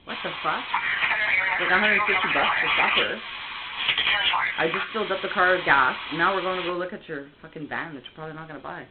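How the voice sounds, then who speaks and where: A woman's voice: on the low side, a little fast. A woman, telling a story casually and heatedly on a call, swearing often and restarting her sentences. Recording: tinny phone line, faint hiss.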